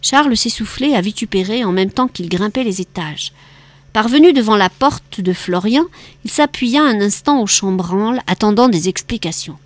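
A woman reading a novel aloud in a steady, measured narrating voice. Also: mid-range voice, no echo. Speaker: audiobook reader.

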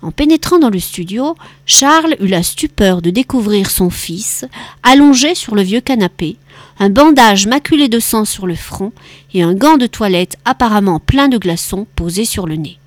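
A woman reads a novel aloud at a steady, measured pace, her pitch sitting in a middle range. The recording is close and dry, with no room echo. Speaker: audiobook reader.

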